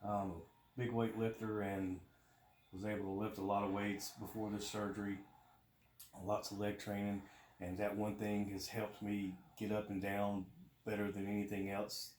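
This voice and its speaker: Talking to camera at home, a vlogger shares how his surgery recovery is going in a casual, matter-of-fact way. His voice is lowish and darkish, completely flat, at a moderate pace, and the recording has a roomy home echo plus faint noise.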